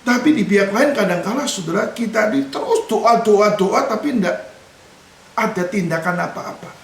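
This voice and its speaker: A man's voice: high-pitched, lively intonation, normal speed, gravelly. A man, a pastor, preaching a sermon to his congregation, often calling them brothers and sisters and slipping in English words. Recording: echoey church hall from far off.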